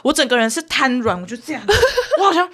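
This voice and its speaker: Lively high-voiced woman. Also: fast talker. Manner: lively storyteller, acts out quotes loudly. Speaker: podcast co-host. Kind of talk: casual chat.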